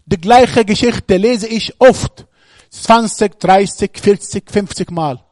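A man's voice: high voice, takes it slowly, darkish tone, dry recording, clean studio sound. A man preaching a sermon, speaking emphatically and putting questions straight to the congregation.

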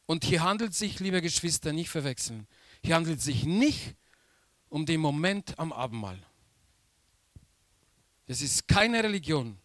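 A man preaching a sermon slowly and emphatically, repeating key phrases for weight. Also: fairly high pitch, big pitch swings, a bit bright, no room sound.

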